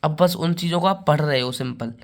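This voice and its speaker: Man teaching biology, fairly high voice. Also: vocal fry. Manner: checks in with rhetorical questions, repeats terms slowly. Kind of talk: classroom lecture.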